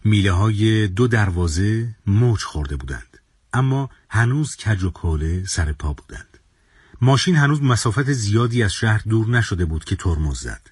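A man narrating an audio story in a measured, solemn way. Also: lowish voice, animated, breathy edge, no echo, studio quality.

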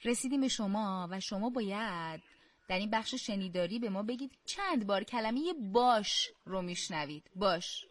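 A woman hosting a quiz show, reading questions slowly and clearly and praising the players. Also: medium pitch, animated, dry recording. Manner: slow, carefully spelled-out questions; encouraging praise.

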